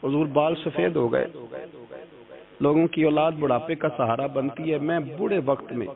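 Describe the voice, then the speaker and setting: A man's voice: on the high side, creaky. A male preacher telling a story in a sermon, in short, pleading, emotional phrases. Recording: tinny phone-like sound with audible crowd.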